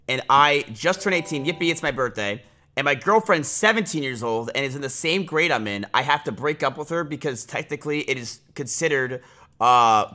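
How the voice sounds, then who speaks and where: This man's voice is fairly high and sharp. He's a streamer in his twenties chatting casually on a live stream from a small indoor room at home, rambling with plenty of fillers and restarts and getting heated and blunt.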